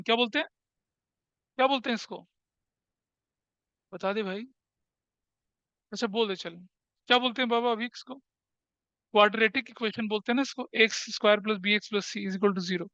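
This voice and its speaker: A man's voice: extremely high pitch, steady tone, fairly quick, pauses often, pushed and bright, no echo, highs cut off. A male commerce teacher lecturing a class, asking questions and answering them himself, with English terms mixed into his Hindi.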